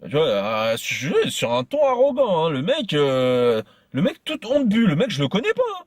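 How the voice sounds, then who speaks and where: A man's voice: on the high side, huge pitch swings, moderate pace, no room sound, studio quality. A man telling a personal story in casual chat, stumbling and repeating himself often. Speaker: podcast host.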